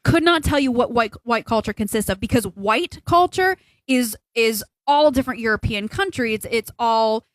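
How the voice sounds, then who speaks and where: Expressive and on the high side, a young adult co-host chats on her podcast at a moderate pace with hardly any pauses, rambling and pressing her opinions emphatically. The audio is dry and poor.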